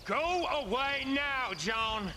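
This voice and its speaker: An actor playing a bitter, scornful outlaw gang leader in a western video game, speaking slowly with a sneer. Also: male voice, extremely high pitch, animated, background noise, heavily acted.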